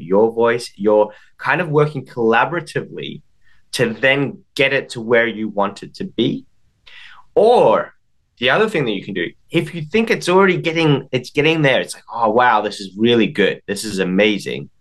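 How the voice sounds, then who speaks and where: A man speaking as an interview guest, explaining in a measured, step-by-step way with some restarts. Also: medium pitch, fairly bright tone. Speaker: guest, IT expert.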